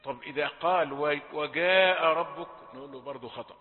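A man with an Egyptian accent teaching recitation rules, moving between formal and colloquial speech and drawing out example words slowly. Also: mid-range voice, steady tone. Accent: Egyptian Arabic. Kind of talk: tajweed lesson. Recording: tinny phone-like audio, long reverb.

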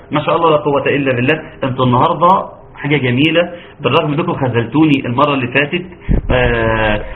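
Fast-talking Egyptian man teaching recitation. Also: medium pitch, slight background noise. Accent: Egyptian Arabic. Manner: chanted recitation examples between lively explanations. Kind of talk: online tajweed class. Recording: tinny phone-like online audio.

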